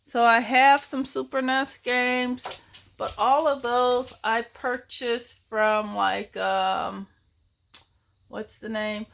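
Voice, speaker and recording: A woman's voice: on the high side, fairly even intonation, takes it slowly, creaky, fairly bright tone, slight background noise. A middle-aged woman rambling nostalgically about her game collection in a casual chat, with lots of ums and uhs. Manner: rambling, nostalgic, many fillers.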